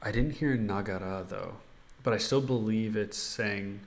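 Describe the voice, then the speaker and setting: A man practicing as a language learner, tentatively thinking aloud and haltingly sounding out Japanese. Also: on the low side. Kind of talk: casual speaking practice.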